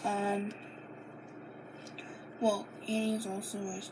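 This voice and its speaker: A young vlogger from Maine, United States, reads viewers' questions aloud in a casual Q and A monologue. Her mid-range voice barely moves in pitch, and her delivery is halting, full of fillers and restarts. The home recording is noisy.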